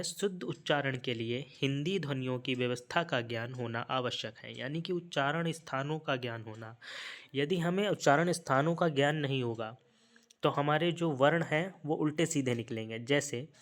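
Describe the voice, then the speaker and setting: A man's voice: on the high side, fairly bright tone. A man teaching an exam-prep lesson, explaining step by step, answering his own rhetorical questions and mixing English terms into his speech. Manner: sprinkles English terms into Hindi.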